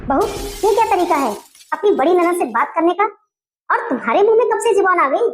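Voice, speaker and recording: A bossy, scheming mother-in-law, as a woman puts her on in a family comedy skit. Her voice is very high and sharp-tongued, and she lays down the law and grumbles about being wronged. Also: big pitch swings, fairly quick, slight background noise, exaggerated voice. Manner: bossy, scolding, tearful complaining.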